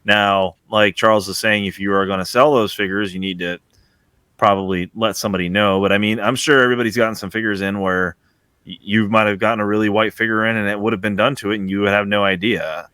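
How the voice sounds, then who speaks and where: A man on a podcast video call, explaining at length with soft trailing asides. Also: lowish voice, steady tone, fast talker, smooth, no echo. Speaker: podcast co-host. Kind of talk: casual chat.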